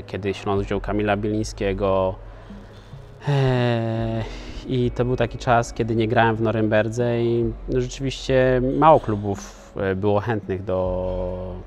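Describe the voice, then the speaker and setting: A man's voice: lowish voice, a little mellow. A man in his thirties, a footballer, answering interview questions casually, with many filler sounds and restarts. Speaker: professional footballer, guest.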